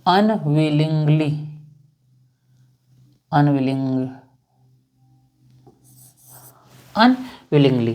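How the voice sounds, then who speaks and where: A woman teaching English grammar in Hindi, slowly repeating example sentences word by word. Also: on the high side. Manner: slow, repetitive, spells out example sentences word by word.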